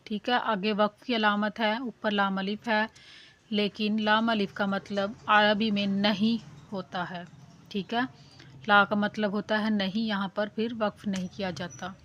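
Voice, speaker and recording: A woman teaching Quran recitation, explaining each sound patiently and reciting the verses slowly and carefully. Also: medium pitch, little pitch movement, fairly bright tone, lo-fi sound, a little hiss or hum. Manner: patient, repeats "theek hai" to check understanding. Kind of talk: slow, careful tajweed lesson with drawn-out recitation.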